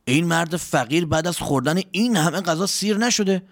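A man's voice: fairly high pitch, voice pushed up, close to an everyday voice. A man voicing an eager, chatty male servant who talks in a raised, exclamatory voice. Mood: fussing. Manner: raised, animated voice, quick and exclamatory.

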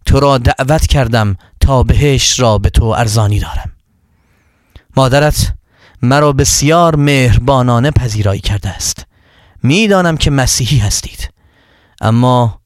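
A male storyteller voicing a gentle, dignified leader who speaks kindly and slowly. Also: mid-range voice, no room sound, studio quality, natural voice. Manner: kind, slow, solemn.

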